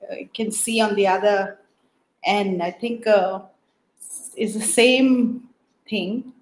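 A middle-aged woman with a Naga accent from northeast India talks as an interview guest. Her pace is slow and unhurried, and she speaks over a video call. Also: mid-range voice, poor audio. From Manipur, northeast India. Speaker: guest, sociology professor. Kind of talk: interview talk. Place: book-lined room at home.

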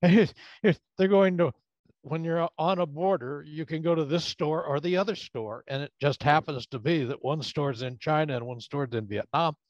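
A man's voice: on the high side, normal speed, no room sound. A professor asking a question at an online talk, speaking hesitantly with many fillers while his voice breaks up over a bad connection. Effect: voice breaking up over a bad internet connection. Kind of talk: conversational question from the audience. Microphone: video call. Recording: dull, lo-fi, dry video call audio.

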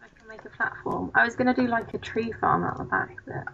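A woman's voice: a little high, wildly swooping pitch, quick pace, creaky, pushed and bright, slight background noise. A young woman hosting a co-op game video, chatting in a rambling, giggly, self-mocking way. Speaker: let's play host. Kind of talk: casual co-op gaming chat. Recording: dull lo-fi mic.

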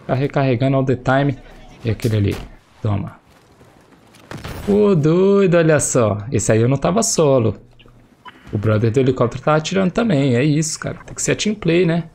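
A young Brazilian streamer comments on his own gameplay through a headset, chatty and slangy, exclaiming at the action while a cold still slightly affects his voice. It's mid-range, creaky, dark, very animated and fairly quick, with slight background noise and faint game gunfire and explosions behind him.

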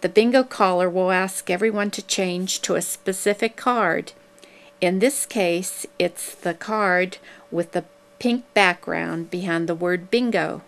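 A woman reads a scripted promotional narration. Her voice sits at a middle pitch, and she explains things in a measured, unhurried way.

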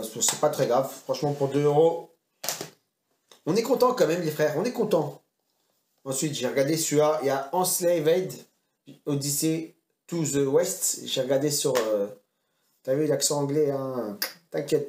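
A man's voice: a little high, darkish tone. A man chatting casually and rambling in slang as he reviews games he has collected. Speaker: retro game collector vlogger. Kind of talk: casual chat. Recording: echoey room.

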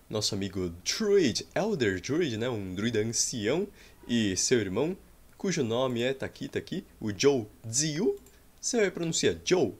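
Recorded at home, a young Brazilian-accented gameplay streamer riffs through rambling, playful commentary, tossing in roleplay gags and sudden excited outbursts. His voice is lowish, and faint game music sits in the background.

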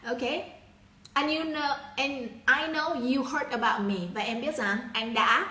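A woman's voice: high-pitched, takes it slowly, pushed and bright, roomy sound. A woman from Vietnam teaching an English pronunciation lesson, repeating words and prompting her learners to say them aloud.

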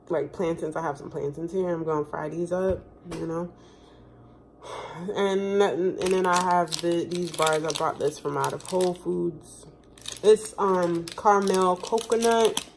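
A vlogger in her twenties chats to her phone camera, propped close on the counter in her home kitchen. Her lowish voice is creaky, she takes it slowly and pauses often, and her talk rambles with many fillers over slight background noise.

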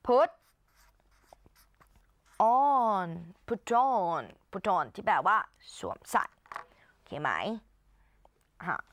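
A woman teacher giving an exam-prep English lesson, explaining in Thai and saying English phrases slowly and clearly for students to repeat. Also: fairly high pitch, a bit bright, no room sound.

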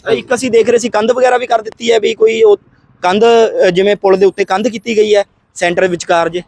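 A man reporting from the field for a news channel, with a high-pitched voice. He questions people on the spot and fills the pauses with hums and hesitant sounds. The sound is dry and close, from a handheld mic. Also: lively intonation, creaky, darkish tone, no room sound.

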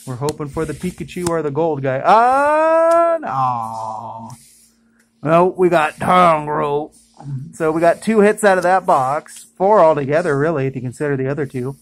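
A vlogger chatting casually indoors while opening trading card packs, with excited exclamations at each good pull. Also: mid-range voice, a little fast. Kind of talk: casual unboxing commentary. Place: indoors at home.

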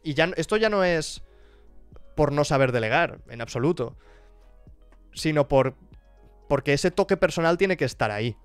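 A man talks casually to his stream, restarting phrases as he thinks aloud. His voice is smooth and mid-pitched, recorded dry and close. Faint music plays underneath. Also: expressive, moderate pace, pauses often, dry recording. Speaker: streamer and YouTuber. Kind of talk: casual live-stream chat.

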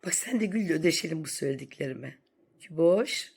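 A woman's voice: low voice, animated, a little fast, vocal fry, darkish tone, husky. A woman vlogger delivering a sarcastic, scolding rant in a commentary vlog.

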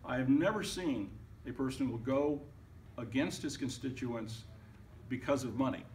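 A man's voice: mid-range voice, moderate pace, darkish tone. Older man answering questions at an event. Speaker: speaker at a tech summit. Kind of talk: conversational Q&A answers. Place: dim event room with audience. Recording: distant, noisy event room.

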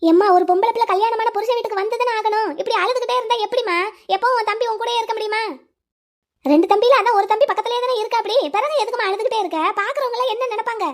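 Woman doing a super high-pitched cartoon sister-in-law, chatty, fussy, bit cheeky. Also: fairly even intonation, racing. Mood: soothing. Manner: fussing, sing-song, cheeky. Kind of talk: Tamil cartoon voice acting.

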